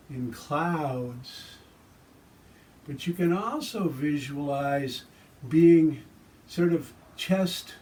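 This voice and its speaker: A man giving guided tai chi and qigong movement instruction with calm, soothing, relaxed cues. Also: fairly high pitch, slight background noise. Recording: distant microphone.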